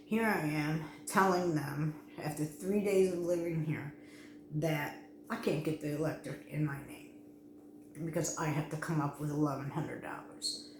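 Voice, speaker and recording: A woman's voice: low-pitched, noisy background. A middle-aged woman vlogging casually, anxious and rambling, restarting her sentences often. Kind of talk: casual personal vlog. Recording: echoey room with faint ambience.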